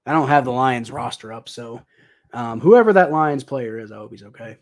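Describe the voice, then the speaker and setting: This young livestream host gives casual, live play-by-play of a football match in a slightly raspy voice. He speaks at medium pitch and a moderate pace with lively intonation, rambling and thinking aloud through plenty of ums and uhs.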